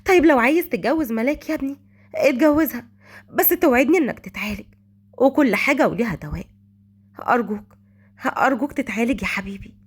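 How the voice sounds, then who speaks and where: A woman's voice: fairly high pitch, lively intonation, fast talker, long pauses, husky. A woman voicing an older mother with an Egyptian accent, who scolds and pleads with her son. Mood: pleading. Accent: Egyptian Arabic.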